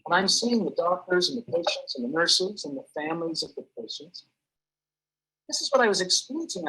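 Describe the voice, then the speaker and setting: A man giving an earnest, halting personal testimony as an accident survivor, often restarting his sentences. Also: on the high side, bright, forceful tone, breathy edge, rough recording.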